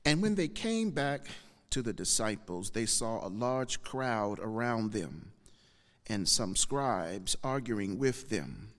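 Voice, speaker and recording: A man preaching and reading scripture as a pastor at a pulpit microphone, in a measured, deliberate way with pauses between phrases. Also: on the low side, very animated, a bit bright. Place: large church sanctuary. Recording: long hall reverb from church PA.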